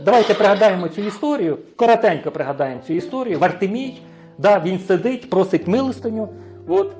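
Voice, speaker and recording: Ukrainian pastor, high voice, sermon with rhetorical questions, faint music under him. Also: male voice, lively intonation, a little fast, darkish tone. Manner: asks the congregation questions and answers them himself; hesitant, restarts words.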